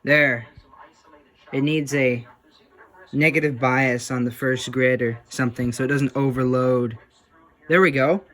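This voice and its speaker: A man's unhurried, medium-pitched voice stays steady and fairly bright, broken by long pauses. He's a hobbyist restorer casually walking through a hands-on repair, thinking aloud with some hesitation.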